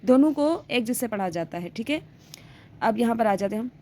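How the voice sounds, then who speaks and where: A woman's voice: fairly high pitch, animated, brisk, mellow. A woman teaching a reading lesson step by step, patiently sounding out letters and stretching the vowels, often checking in as she goes. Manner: keeps checking in with "theek hai".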